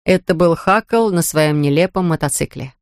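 An audiobook narrator reading scripted narration smoothly and evenly, close to a dry studio mic. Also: medium pitch, moderate pace, no room sound.

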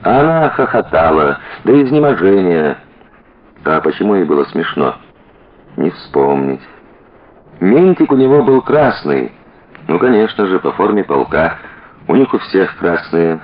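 Deep-voiced guy reading a story, lively and up and down, kinda muffled lo-fi. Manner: expressive reading. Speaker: narrator. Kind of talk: audiobook narration.

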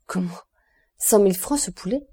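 A woman's voice: mid-range voice, animated, moderate pace, mellow, slightly rough. A woman doing an indignant starving banker. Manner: exasperated, haughty protests. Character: indignant starving male banker held prisoner.

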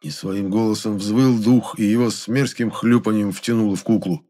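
A man reading a first-person audiobook in a steady storytelling manner. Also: lowish voice, normal speed. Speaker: audiobook narrator.

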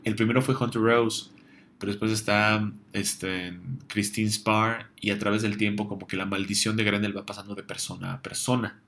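Gravelly-voiced man chatting comics. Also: lowish voice, little pitch movement, normal speed, fairly bright tone. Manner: chatty, many fillers and restarts. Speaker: comics show host. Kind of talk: casual comics chat answering viewer questions.

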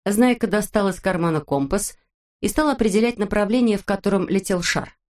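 A woman narrating a children's storybook in an even, clear storytelling manner. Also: medium pitch, brisk.

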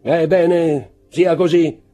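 A man voicing a greedy, excitable male innkeeper who shouts eagerly in an audiobook. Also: a little high, very slow, faint music behind, voice pushed up.

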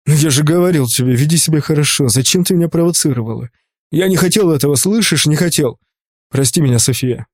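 A man voicing a cruel, obsessed young man who threatens, speaking in a lowered menacing voice for an audiobook. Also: fast, darkish tone, no echo, studio quality, natural voice. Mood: remorseful.

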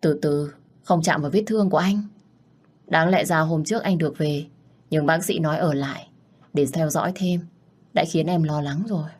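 A woman voicing a tender, playful young husband, speaking softly and affectionately. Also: deep voice, fairly even intonation, moderate pace, slightly rough.

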